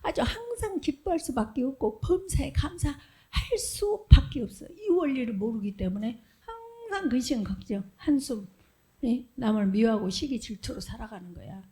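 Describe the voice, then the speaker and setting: A woman preaching an animated sermon to a Sunday school, asking questions and answering them herself, often dropping into whispers. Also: high voice, normal speed. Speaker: children's ministry preacher. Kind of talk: lively sermon with acted-out voices.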